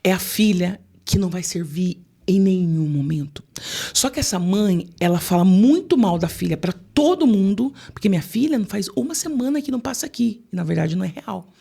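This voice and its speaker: Gravelly Brazilian woman psychologist. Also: mid-range voice, animated, fairly quick, dark tone. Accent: Brazilian Portuguese. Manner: tells client stories and acts out their quoted voices. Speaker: psychologist and pastor, guest.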